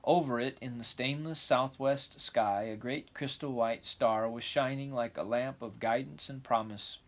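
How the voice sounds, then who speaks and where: A man reads a storybook aloud as a storyteller, in a mid-pitched voice. His narration has small stumbles that he corrects as he goes. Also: fairly even intonation, unhurried.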